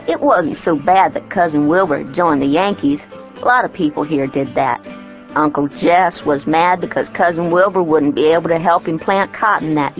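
A folksy, plainspoken country girl, acted by a woman tells her tale in a low-pitched voice. It is artless audiobook narration, slightly dull in sound, with guitar music behind. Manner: folksy, artless, rustic grammar. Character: plainspoken ten-year-old country girl recounting her adventures. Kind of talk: first-person audiobook character narration.

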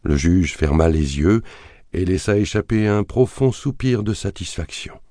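A man narrating a thriller audiobook in a measured, dramatic reading that colors the quoted lines. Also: low-pitched, expressive, dark tone, no room sound, clean studio sound. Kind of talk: scripted narration of a thriller novel.

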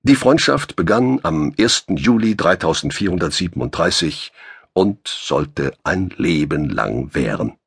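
A man reads a sci-fi audiobook in a low, gravelly, slightly husky voice. His delivery is measured and storytelling, with lively pitch movement. The recording is dry and close, with no room sound. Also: dry recording. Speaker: audiobook narrator. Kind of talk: scripted audiobook narration.

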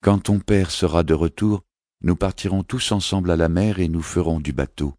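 A man's voice: sits low, normal speed, no echo, clean studio sound, pitched above the performer's own voice, close to an everyday voice. A man doing a tender, fierce queen mother. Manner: gentle, reassuring, flaring sharply.

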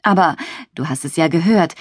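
A cheerful, encouraging witch mother with a brisk, kindly way of speaking, as a woman reads her in a children's audiobook. Her voice sits a little low and is close and dry. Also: husky, dry recording. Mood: warm.

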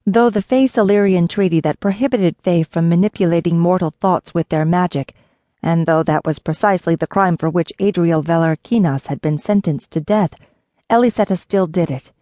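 A young adult woman reading a fantasy romance audiobook in a measured, expressive way, voicing the dialogue. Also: lowish voice, dry recording. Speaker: audiobook narrator. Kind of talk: scripted fantasy romance narration. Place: dry recording booth. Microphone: close studio mic.

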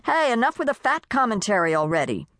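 A woman's voice: fairly high pitch, big pitch swings, quick pace, a bit bright, no room sound, studio quality, pitched above the performer's own voice. Woman doing a wisecracking pregnant housewife. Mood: teasing. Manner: wisecracking, teasing. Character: witty nervous pregnant American housewife.

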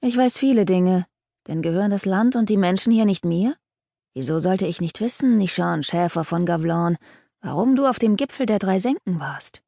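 A woman voicing a hooded male leper lord who taunts in a high, eerie singsong, in an audiobook reading. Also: lively intonation, normal speed, creaky, dark tone, dry recording, clean studio sound. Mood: menacing. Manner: taunting, knowing.

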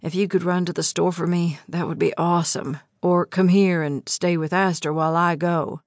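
A woman voicing a worried man, a father and fiancé, speaking low and urgently in a husky tone for an audiobook. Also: steady tone, moderate pace, no echo, natural voice. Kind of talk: audiobook character voice. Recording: dry close studio sound.

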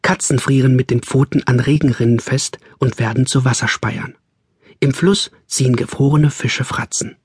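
A man narrating a novel in a calm, measured storytelling manner, close on a studio mic. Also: medium pitch, husky, dry recording. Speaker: audiobook narrator. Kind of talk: scripted narration.

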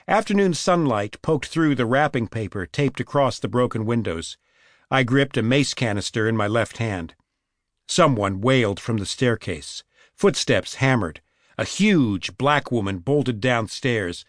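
Expressive male audiobook narrator, dry sound. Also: medium pitch, unhurried, no room sound. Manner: vivid, expressive storytelling. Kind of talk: first-person scripted narration.

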